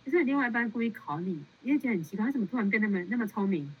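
A woman nun counseling a follower in a casual, animated way, laughing often and repeating words for emphasis. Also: on the high side, rapid-fire, breathy edge. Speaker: Buddhist nun giving counsel. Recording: muffled lo-fi sound.

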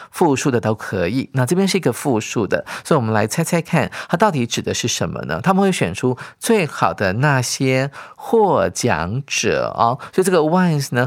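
Lively male English teacher, dry sound. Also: medium pitch, dry recording. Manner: reads English lines slowly, then explains in chatty Mandarin; ends phrases with soft particles like "ah" and "oh". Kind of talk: radio-style English reading lesson.

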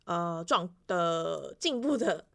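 A woman's voice: fairly low pitch, lively intonation, slow, creaky. A young woman in her twenties, a music teacher, telling stories about her class in a casual, chatty weekly monologue full of fillers and restarts. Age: 20s. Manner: acts out children's voices in quoted lines.

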